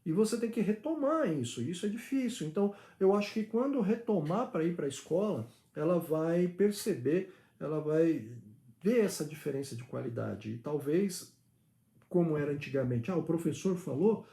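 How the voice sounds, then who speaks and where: A man's voice: fairly high pitch, expressive, moderate pace, vocal fry, mellow, echoey room. A man, a father teaching his daughter at home, giving a reflective spoken opinion with hesitations and little acted-out exchanges. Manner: reflective, argumentative, many hesitations and acted-out dialogue.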